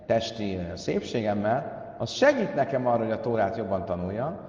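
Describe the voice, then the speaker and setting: Male Talmud teacher, reads Aramaic then explains it, halting with fillers, far from the mic in an echoey hall. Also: lowish voice, sing-song, darkish tone, highs cut off. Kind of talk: Talmud lesson retelling stories.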